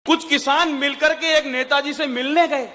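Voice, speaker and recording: A man's voice: extremely high pitch, fairly even intonation, normal speed, sharp tone. A man performing live satirical stand-up as a comic poet, telling jokes to an audience. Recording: echoey hall with background noise.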